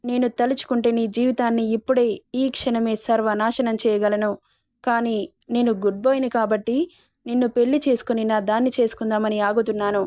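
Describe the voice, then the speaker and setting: A woman's voice: a little high, level tone, brisk, a little mellow, dry recording, studio quality, close to an everyday voice. A woman voicing a cruel controlling young man. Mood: menacing. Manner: threatening, taunting. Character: menacing young male villain, controlling and cruel.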